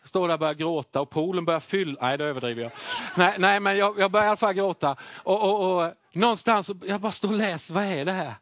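A middle-aged man preaches in a sermon, recounting a personal story in an animated, self-mocking way. His voice sits a little high for a man. The sound is close and dry, with no room around it. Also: few pauses, no echo. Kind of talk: sermon testimony.

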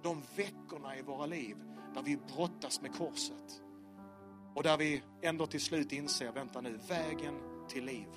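Impassioned male preacher, higher voice. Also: music in the background. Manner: impassioned, with sudden drops to a hushed voice; repetitive, rhythmic phrasing. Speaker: pastor. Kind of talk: sermon. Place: church service before a live congregation.

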